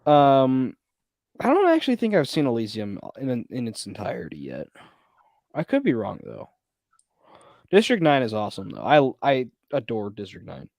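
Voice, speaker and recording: A man's voice: mid-range voice, wildly swooping pitch, normal speed, creaky, a little mellow, dry recording, studio quality. A man chatting casually about movies, rambling and restarting his sentences. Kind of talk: casual film chat.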